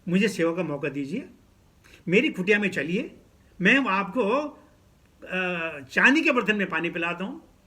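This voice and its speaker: A man doing a humble priest, deferential, pleading, high bright voice, sermon story. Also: animated, a little slow, long pauses, heavily acted. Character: humble male priest eager to serve.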